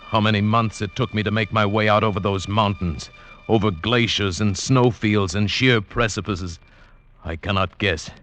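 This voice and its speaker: An actor in a 1940s radio drama playing a weary young traveller who tells his story in a slow, wistful, reflective way. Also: fairly low pitch, steady tone, a bit bright, faint music behind, lightly acted. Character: weary young traveller going blind, awed by beauty.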